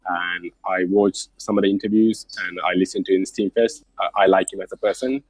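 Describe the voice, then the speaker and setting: A man's voice: sits low, fairly even intonation, brisk, dry recording, low-quality recording. A man guest in a casual online interview, talking earnestly and encouragingly in simple phrasing over a call.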